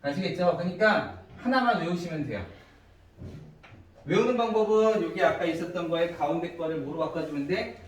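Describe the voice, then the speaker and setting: A man with a fairly high voice teaches a math lesson to a classroom of students. He walks through each step and keeps checking that they follow. He is recorded from a distance in a very echoey room with faint background noise. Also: normal speed. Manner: asks students frequent check-in questions.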